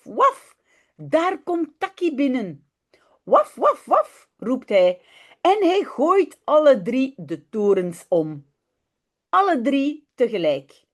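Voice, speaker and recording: Animated woman teacher, slow storyteller. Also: on the high side. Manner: slow, very lively storybook reading with shifting character voices; quick, chatty explaining between readings. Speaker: Dutch teacher. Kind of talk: reading a children's story aloud, then explaining.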